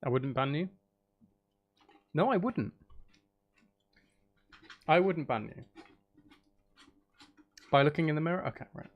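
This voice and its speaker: A man with a slightly high, expressive voice hosts a livestream, chatting with viewers as he plays a game. He talks a bit slowly with long pauses, and the audio sounds dull. His banter is playful, teasing, and rambling, full of self-deprecating humour.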